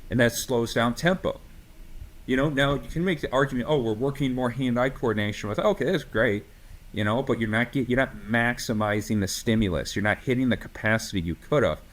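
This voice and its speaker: A man's voice: mid-range voice, expressive, a little fast, fairly bright tone. A man co-hosting a podcast as a strength coach, talking casually and ranting with passion, swearing freely, full of fillers and restarts.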